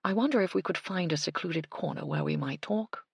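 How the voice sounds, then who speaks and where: A woman reading the part of a bohemian male artist in his forties who speaks softly in a mellow, courtly way. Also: on the low side, lively intonation, brisk, gravelly, breathy edge, dry recording, full character voice. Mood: insistent.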